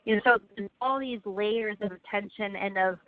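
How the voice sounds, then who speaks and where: A woman presenting slides in a webinar over a phone line, earnest and halting with frequent restarts. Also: medium pitch, dry recording. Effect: heard over a phone line. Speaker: webinar presenter for a legal aid project. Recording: tinny, dry phone line.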